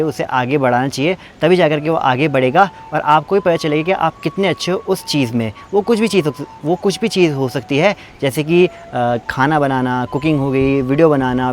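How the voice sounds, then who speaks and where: A man's voice: on the high side, a little hiss or hum. A young man from Uttarakhand talks casually to his viewers in a travel vlog, chatty and sometimes tripping over his words. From Uttarakhand, India. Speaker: vlogger. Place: outdoors in a mountain valley.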